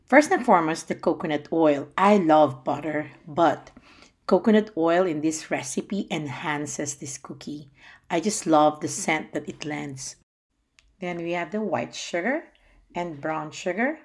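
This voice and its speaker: Unhurried Filipino-accented woman, chatty baker. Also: low voice, darkish tone, husky. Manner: playful, giggly asides. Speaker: home baker hosting a cooking vlog. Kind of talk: recipe narration, chatty. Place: home kitchen, indoors.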